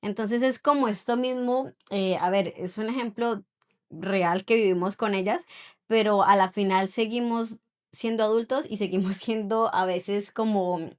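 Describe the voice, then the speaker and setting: A woman's voice: medium pitch, steady tone, measured pace, a little mellow. A middle-aged woman co-hosting a faith podcast, speaking in a reflective, conversational way. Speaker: podcast co-host. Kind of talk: casual faith podcast chat.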